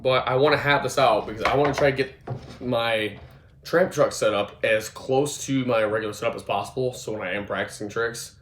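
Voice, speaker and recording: A skateboarding vlogger in his twenties, hoarse from a cold, rambles through a casual walkthrough of his setup with lots of fillers and restarts. His voice is fairly low and fairly bright, and he moves around an echoey room with a gym mat while the phone or camera shifts with him.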